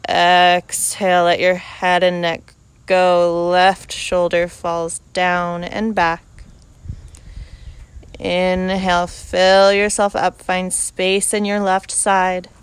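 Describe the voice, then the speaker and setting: Female yoga instructor, very clear smooth tone, even and calm delivery, unhurried short cues. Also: fairly low pitch. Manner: calm, unhurried cueing in short measured phrases. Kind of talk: guided yoga class instruction.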